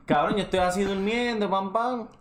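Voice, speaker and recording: A man's voice: high voice, steady tone, normal speed, a crowd in the background. A man with a Puerto Rican accent, casually bantering and telling personal stories with informal, sweary talk as a podcast co-host.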